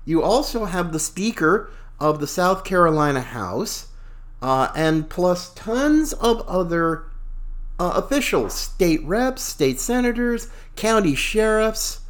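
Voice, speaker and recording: A man's voice: sits high, big pitch swings, slow pace. A man hosting a talk show with casual, folksy, opinionated and slangy political commentary.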